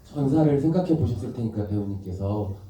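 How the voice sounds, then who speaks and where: Polite moderator in an echoey hall. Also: male voice, mid-range voice, expressive, a little fast, dark tone, a little hiss or hum. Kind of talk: hosting a talk after a screening. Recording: echoey hall, distant mic.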